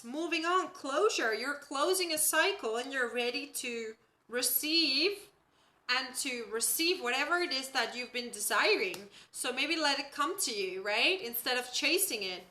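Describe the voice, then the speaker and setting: A native Dutch speaker from the Netherlands hosts a casual astrology reading on a home live stream, often asking her viewers "right?" to check in. Her voice is high-pitched with a sharp tone, and the sound is roomy.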